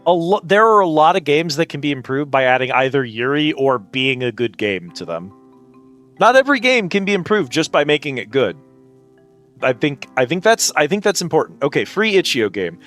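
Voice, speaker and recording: In a sing-song, slightly high and somewhat bright voice at normal speed, a man chats casually while hosting a live game stream. He greets viewers with playful exclamations, music audible behind him.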